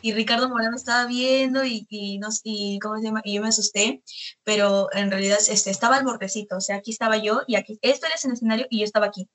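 A woman's voice: a little high, fairly even intonation, quick pace, a bit bright. Young woman telling stories with fillers. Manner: storytelling, many fillers like "este". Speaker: guest singer. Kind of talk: casual interview chat.

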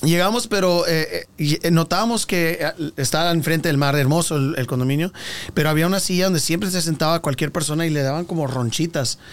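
Animated male storyteller acting out scenes. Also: fairly high pitch, fairly quick. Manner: animated storyteller, acts out voices and sound effects. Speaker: guest singer. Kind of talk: casual storytelling interview.

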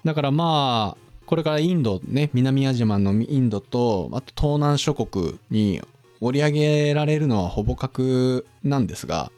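A man of middle pitch talks through economics in a casual, explanatory way. His voice swings lively up and down as he quizzes his co-host. Soft music plays faintly underneath. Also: normal speed, no room sound.

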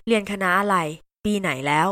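A woman's voice: medium pitch, a little fast, a bit bright, natural voice. A woman voicing a strict, cold-questioning father. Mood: stern. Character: strict, old-fashioned middle-aged father.

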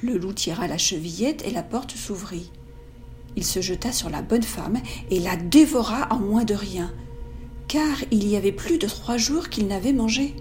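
A woman reading a classic fairy tale aloud in a clear, measured, expressive way. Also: mid-range voice, soft background music. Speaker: storyteller.

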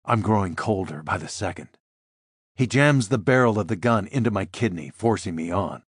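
A man reading a first-person thriller as an audiobook, in a tense, measured way. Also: on the low side, lively intonation, breathy edge, no room sound, studio quality. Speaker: audiobook narrator.

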